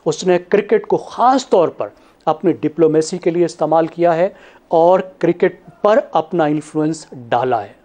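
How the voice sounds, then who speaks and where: A man analysing on a talk panel, working through his argument point by point. His voice is mellow and dark, and he keeps an even, steady delivery. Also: on the high side, normal speed. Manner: methodical, counts points in order.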